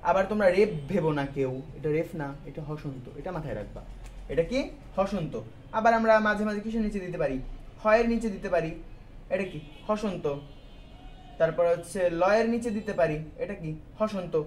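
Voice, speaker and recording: A man with a high voice teaches a grammar lesson, walking through each rule step by step. He keeps asking questions and then answering them himself, in a casual way with English words slipped in. A faint hiss of noise sits under the recording. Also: a little fast. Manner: colloquial, mixes in English words.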